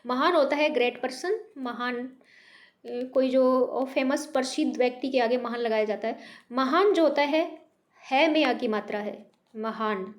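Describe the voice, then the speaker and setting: High-voiced woman teaching syllables patiently. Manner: patient, repeats syllables slowly and checks in with "है ना"; mixes English words into Hindi. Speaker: Hindi teacher. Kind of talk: online Hindi lesson for beginners. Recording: noisy recording with clicks.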